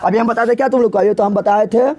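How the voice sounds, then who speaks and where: A man's voice: sits high, fairly even intonation, fast talker, a little mellow. A man teaching a physics class, drilling his students with repeated questions. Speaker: tutor.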